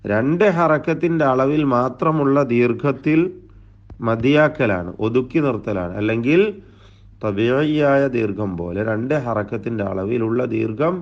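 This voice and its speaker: A man teaching a recitation lesson, explaining terms slowly and drawing out the recited words. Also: medium pitch, a little mellow, highs cut off. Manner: slow, deliberate explaining with drawn-out recited terms. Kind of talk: tajweed lesson lecture.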